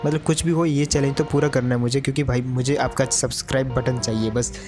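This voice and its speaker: A man's voice: medium pitch, fairly even intonation, a little fast, a little mellow, soft background music. A man giving casual commentary over a mobile game match, chatty and addressing his viewers as brother.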